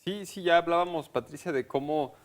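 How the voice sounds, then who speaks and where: A man's voice: a little high, fairly quick. Man, radio co-host, reflective, hesitant, fillers, cultural talk show, studio mic.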